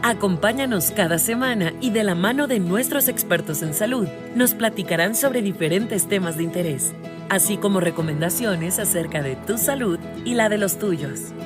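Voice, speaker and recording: Woman announcer, polished scripted intro, mid pitch, loud music bed. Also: animated, moderate pace. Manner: polished, inviting read. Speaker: podcast announcer.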